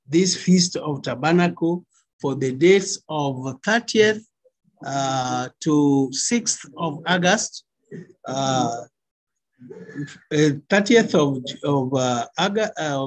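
A middle-aged male pastor with a Kenyan accent preaches over a video call. His voice is fairly high and rough-edged. He speaks very slowly, setting out each phrase with emphasis. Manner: deliberate, emphatic phrasing with pauses. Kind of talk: spoken sermon exhortation on a video call. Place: small indoor room. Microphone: computer mic on video call.

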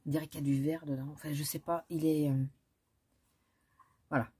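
Woman vlogger, husky, lowish voice, hesitant casual chat. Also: little pitch movement, a little fast, dark tone. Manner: chatty, hesitant, many fillers and restarts. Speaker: beauty vlogger. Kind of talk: casual haul chat with swatches.

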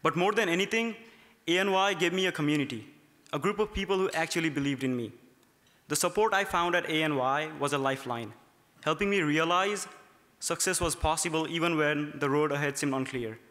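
A young man from Nepal, speaking as a student at a gala, earnestly reads his prepared remarks from notes at a podium. He talks briskly in a high-ish, fairly bright voice, and the podium microphones pick up the long reverb of the large, ornate hotel ballroom.

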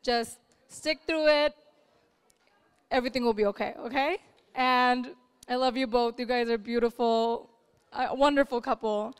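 A young woman gives an emotional wedding toast. Her voice is very clean and resonant, set a little high. She offers earnest advice to the couple in a warm-hearted, slightly teary way. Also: steady tone, unhurried, pauses often, clean tone. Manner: heartfelt, advising, getting emotional. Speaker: friend giving a wedding toast.

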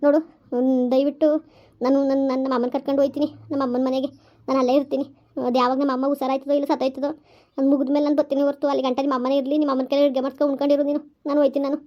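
A woman playing a young wife who complains rapidly and indignantly to her husband about his mother, in a village comedy skit. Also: sits high, flat delivery, mellow, natural voice. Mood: hurt. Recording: slightly dull lo-fi recording.

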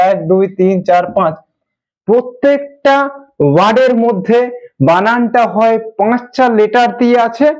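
High-voiced man teaching a patient lesson. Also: darkish tone, low-quality recording. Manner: patient, repeats and spells words out letter by letter. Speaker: English teacher. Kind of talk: classroom lesson explaining pronunciation.

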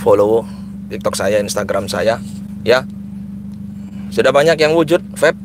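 A man's voice: fairly low pitch, expressive, measured pace, noisy background. A man, chatting casually on a live stream, repeating phrases and mixing in prayers. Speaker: live-streaming spiritual healer vlogger. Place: car at night.

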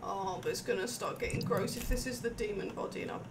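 A woman's voice: mid-range voice, fast. A young woman streaming a horror game as a panicking gamer, gasping, shrieking and swearing. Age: young adult. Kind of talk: horror game livestream commentary. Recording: distant mic, loud game noise, clicks.

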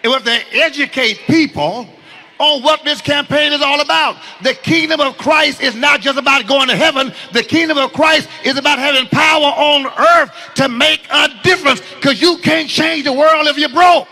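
Male bishop, sermon, very high voice, call-and-response. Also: moderate pace. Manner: call-and-response preaching, swinging from low asides to shouts. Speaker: bishop preaching.

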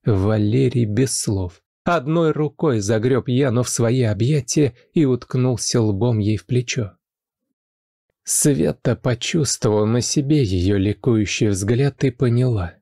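Dark-voiced man narrating a story. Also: medium pitch, measured pace, creaky, no echo, studio quality.

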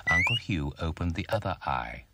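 A man narrating a children's storybook in an expressive, storytelling manner. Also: sits low, normal speed, heavy background noise.

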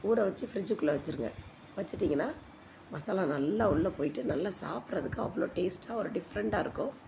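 A woman giving an informal recipe voice-over as a home cook, her voice hoarse and giving out. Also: fairly low pitch, animated, fast talker. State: hoarse, voice giving out from a cold-weather strain. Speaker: home cooking video host. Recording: noisy home voice-over recording.

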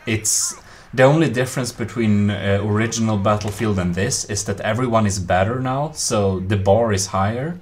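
Speaking into a headset at a normal speed with few pauses, a man in his thirties chats casually while streaming a game. His voice sits on the low side, and he sounds relaxed yet hesitant, with many fillers and chuckles over slight background noise.

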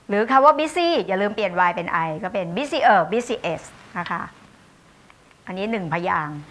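A woman with a Thai accent teaching English grammar in a university lecture. She reads the English examples slowly and explains them in a chatty, warm way with tag questions. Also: mid-range voice.

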